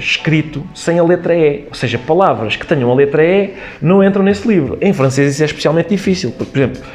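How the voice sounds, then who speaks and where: A man's voice: a little high, darkish tone. A man with a European Portuguese accent, a comedian being interviewed, explaining his ideas with examples and quoted asides. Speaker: comedian guest. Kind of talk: conversational interview.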